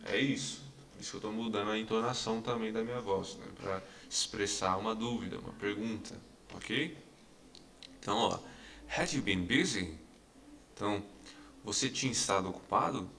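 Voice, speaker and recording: A teacher walks his students through English grammar, his low, gravelly voice carrying a bright, forceful edge. He repeats each example slowly and keeps checking that everyone follows. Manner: explains patiently, repeating examples with many "tá?" and "né?" checks. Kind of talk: recorded online lesson.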